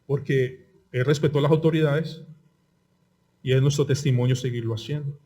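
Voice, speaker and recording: A man with a Colombian Spanish accent preaching a sermon as pastor, asking rhetorical questions and swinging between loud outbursts and quiet asides. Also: mid-range voice, steady tone, normal speed.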